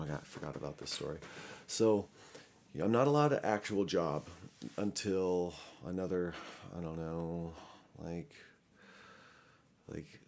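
A man's voice: sits low, a little mellow. A man casually telling a story, rambling with many fillers and restarts and swearing a lot.

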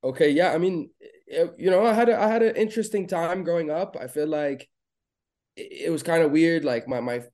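A man from Lebanon talking as a podcast guest in a relaxed, rambling way with lots of fillers. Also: fairly high pitch, brisk. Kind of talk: casual interview chat.

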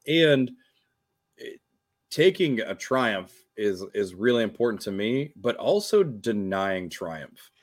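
Easygoing low-voiced man chatting. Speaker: co-host of a tabletop wargame talk show. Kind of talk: casual chat.

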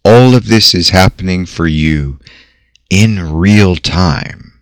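A man narrating a guided visualization in a measured, theatrical manner with long dramatic pauses. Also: low-pitched, dry recording, studio quality. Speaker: host. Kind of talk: slow guided visualization narration over music. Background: soft background music.

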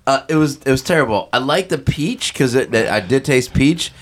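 A man's voice: medium pitch, expressive, normal speed. A man on a casual podcast, blunt and jokey, laughing often. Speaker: podcast co-host. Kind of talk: casual tasting chat.

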